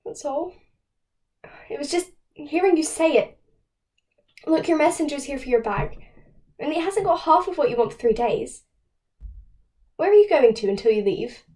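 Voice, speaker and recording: A woman playing an anxious, fragile woman who pleads haltingly down a telephone. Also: high voice, mellow. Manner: halting, pleading phone talk. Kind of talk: stage monologue, one side of a phone call.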